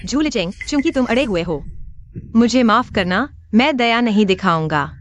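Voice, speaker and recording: A woman's voice: on the high side, animated, normal speed, highs cut off, soft background music, lightly acted. A woman voicing a loyal young female maid skilled in martial arts in a dubbed short drama, steadfast and resolute.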